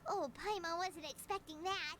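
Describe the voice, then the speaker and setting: Paimon, a squeaky fairy. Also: female voice, normal speed, fairly bright tone. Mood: puzzled. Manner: chirpy, inquisitive. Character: tiny floating female fairy companion, excitable. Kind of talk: game dialogue. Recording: game soundtrack underneath. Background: game music.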